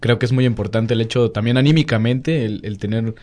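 Young Mexican man, relaxed student chat. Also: mid-range voice, brisk. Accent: Mexican Spanish. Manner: relaxed, conversational, uses slang fillers. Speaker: university student. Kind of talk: casual chat.

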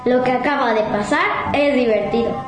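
A woman's voice: fairly high pitch, normal speed, natural voice. A woman voicing a young, playful, innocent possum in a children's story, with a childlike manner. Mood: cheerful. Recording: roomy echo, loud music bed.

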